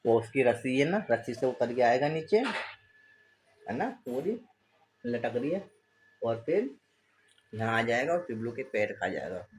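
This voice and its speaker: A man's voice: mid-range voice, sing-song, measured pace, pauses often. A man is casually vlogging at home. He is chatting playfully and chuckling with his toddler. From Uttarakhand, India. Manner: playful, chuckling, sing-song teasing with a small child. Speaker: family vlogger. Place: family home, indoors. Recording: noisy home phone recording.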